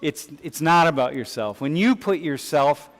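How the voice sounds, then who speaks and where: A male professor chats his way through a lecture, his voice sitting a little high. He talks casually, full of fillers and restarts. A long reverb from the lecture hall trails behind every word. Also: animated, normal speed. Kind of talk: classroom lecture with student questions.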